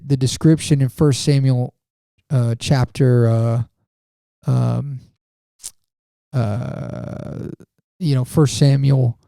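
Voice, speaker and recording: A man's voice: medium pitch, creaky, warm tone, dry recording, studio quality. A man co-hosting a podcast, talking through a book in casual discussion, full of fillers and restarts. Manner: halting, many fillers and restarts. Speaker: podcast co-host.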